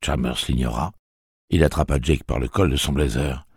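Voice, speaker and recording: A man narrating a novel aloud in a measured, dramatic storytelling manner. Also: extremely low pitch, gravelly, darkish tone, breathy edge, no room sound, studio quality. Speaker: audiobook narrator.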